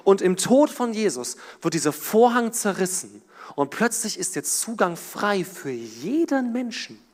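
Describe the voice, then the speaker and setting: Male preacher, sermon, high voice, very lively pitch, loud-soft swings. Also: a little slow. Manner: animated, rises and drops in volume for emphasis.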